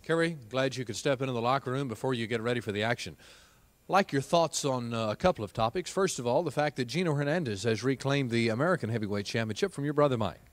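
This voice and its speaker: A young man interviews for a wrestling promo in broadcast style. His voice is medium in pitch and dry, close on a handheld mic. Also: fast talker, no echo. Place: indoors, small locker room. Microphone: handheld microphone.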